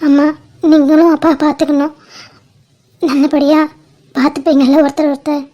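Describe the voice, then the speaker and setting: Gentle young bride, voiced by a woman; high, even, mellow voice; slow earnest advice; homemade cartoon. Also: dull audio, lightly acted. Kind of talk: amateur cartoon voice acting.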